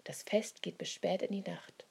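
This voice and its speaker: A woman reads a children's Bible story aloud, softly and often in a half-whisper. Her voice is very husky and breathy, low and mellow, with a gravelly edge. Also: steady tone, normal speed.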